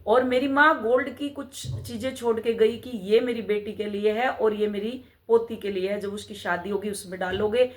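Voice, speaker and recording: A woman's voice: medium pitch, moderate pace, hardly any pauses. A middle-aged woman talking as a spiritual mentor, urging her listeners on with rhetorical questions and repeated calls to keep going. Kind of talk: motivational spiritual talk.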